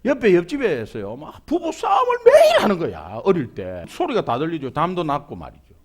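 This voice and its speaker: A middle-aged male pastor from Busan delivers a sermon in a Gyeongsang accent. His voice sits high and leaps all over the place, and he plays out the people he quotes with humor. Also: wildly swooping pitch, a little fast, a little mellow. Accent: Gyeongsang (Busan) Korean. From Busan, South Korea.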